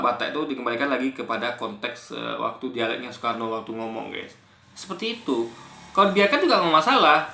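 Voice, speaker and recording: A man's voice: medium pitch, sharp tone, reverberant. A man giving casual commentary on a clip, explaining with long examples and often tagging "guys" onto his sentences.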